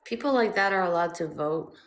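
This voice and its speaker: A woman co-hosting a live stream, wry and quick to laugh at the callers. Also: lowish voice, expressive, a bit bright. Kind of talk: casual chat on a live stream.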